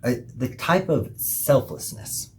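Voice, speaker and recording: A man hosting a podcast, giving an emphatic, preachy monologue with pauses between phrases. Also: mid-range voice, sing-song, darkish tone, a little hiss or hum. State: hiccuping. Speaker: podcast host. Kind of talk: opinionated monologue.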